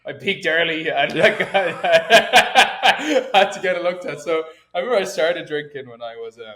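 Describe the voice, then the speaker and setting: A man's voice: fairly high pitch, animated, moderate pace, a bit bright, slight background noise. A man, a fitness coach chatting as a podcast guest, self-mocking, rambling, laughing often. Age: 20s. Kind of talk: casual chat. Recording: roomy echoey room.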